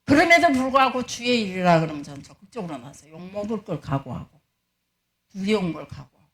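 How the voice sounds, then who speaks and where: A woman's voice: medium pitch, lively intonation, fast. A middle-aged woman, a pastor's wife preaching a storytelling sermon and acting out the dialogue she recounts.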